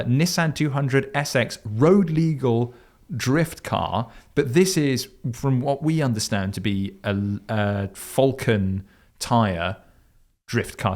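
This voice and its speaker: A man's voice: medium pitch, darkish tone. A man from Surrey with a southern Surrey, Home Counties English accent, co-hosting a casual podcast chat about cars. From southern Surrey, England. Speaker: podcast co-host.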